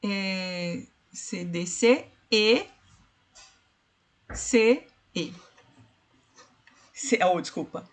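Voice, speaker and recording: A woman giving an online literature lesson. She explains step by step, checks in with "né?" and slows down to count syllables and spell out rhyme schemes. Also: medium pitch. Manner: explanatory, repeats "né?" and "ó". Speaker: literature teacher. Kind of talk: online tutoring session.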